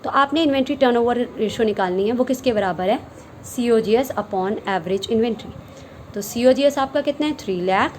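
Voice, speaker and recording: A woman's voice: fairly high pitch, fast talker, few pauses, a little hiss or hum, low-quality recording. A woman commerce teacher giving a recorded lesson, explaining step by step, asking questions and answering them herself, and mixing English terms into her Hindi.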